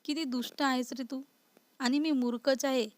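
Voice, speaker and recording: A woman voicing an indignant young wife who is easily scared and quick to sulk. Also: sits high, fairly even intonation, dry recording, close to an everyday voice. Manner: indignant, sulky.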